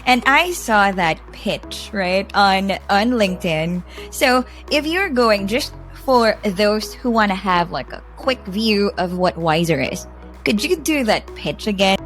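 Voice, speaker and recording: A woman's voice: medium pitch, animated, unhurried, faint music behind. A woman hosting a startup podcast, reading a scripted intro and chatting in an upbeat way over a video call. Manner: upbeat, warm welcomes, light laughter. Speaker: podcast host. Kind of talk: scripted intro and casual interview.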